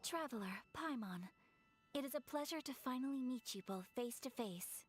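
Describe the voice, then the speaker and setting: A woman's voice: high-pitched, lively intonation, normal speed, slight background noise. A woman voicing a gracious young noblewoman in a video game, speaking in a formal, courteous manner.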